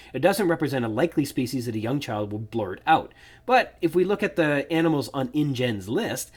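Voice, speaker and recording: A man with a husky, mid-range voice hosts a solo book-discussion podcast. He muses thoughtfully over a novel, picking apart its details with nitpicky asides.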